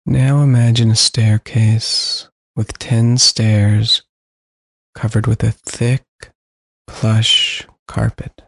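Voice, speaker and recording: A man leads a guided sleep meditation in a low, gravelly voice. He speaks slowly, evenly and soothingly, with long pauses between phrases. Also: level tone, no room sound.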